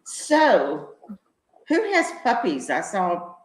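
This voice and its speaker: A woman's voice: lowish voice, sing-song, extremely slow, roomy sound, slight background noise, poor audio. A woman co-hosting a talk show, making dry, wry remarks. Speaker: show co-host. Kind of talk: casual talk show chat.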